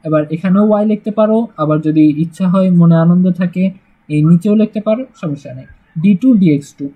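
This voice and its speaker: A man's voice: high-pitched, fast talker, narrow, tinny audio. A man teaching a casual math lesson, chatty and joking, with frequent "uh" fillers. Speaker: math tutor.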